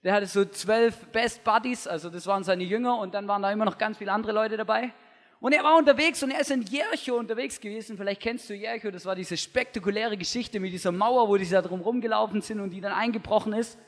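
A man with a high voice preaching to a youth crowd, casual and slangy, acting out scenes with bursts of shouting. His voice rings through a large hall with a long reverb tail. He tells the Bible story as a storyteller. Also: fast. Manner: energetic, slangy, acts out the story with shouted quotes and asides.

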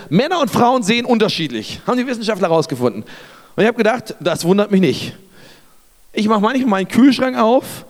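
A young man with a fairly high voice preaches a sermon. He talks to his listeners in a casual, direct way and tells the story with lively asides, acting out the characters as he goes. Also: in a large hall. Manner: speaks straight to the listener, conversational.

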